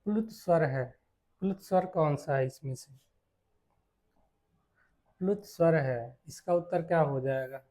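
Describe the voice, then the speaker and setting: A male teacher works through exam questions at a very slow, deliberate pace. His voice sits a little high but sounds dark and mellow. He poses each question twice, answers it himself, and checks in often with "theek hai.". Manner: slow and repetitive, asks then answers his own questions; frequent "ठीक है" check-ins. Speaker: Hindi teacher. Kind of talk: exam-prep lesson, solving multiple-choice questions.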